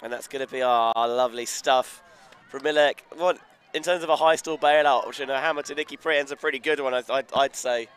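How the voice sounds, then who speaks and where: Beside a sports field, a man calls live play-by-play for a frisbee match in flowing present-tense lines that build with the action. His medium-pitched voice is steady, brisk, fairly bright, clear and resonant, with crowd, traffic and outdoor ambience behind him.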